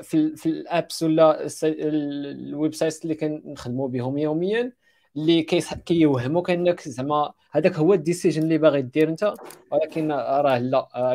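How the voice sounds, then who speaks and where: A man's voice: a little high, warm tone. A man with a Moroccan accent in a casual talk, hesitating and repeating words as he searches, mixing in English and French terms. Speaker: panel participant sharing recommendations. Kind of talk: casual talk about design resources.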